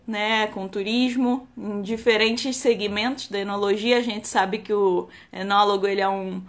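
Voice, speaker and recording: A woman in her thirties from Rio with a Carioca accent, an enologist talking casually on a live stream and padding her talk with fillers. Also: medium pitch. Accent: Carioca Brazilian Portuguese. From Rio de Janeiro, Brazil. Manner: chatty, many "né" and "tá" fillers, restarts.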